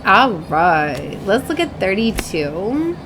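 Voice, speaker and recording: A woman reads oracle cards aloud as host of a spiritual reading, her phrasing solemn, declarative, and mystical, with casual remarks in between. She speaks slowly in a mid-range, sing-song voice. The background is noisy.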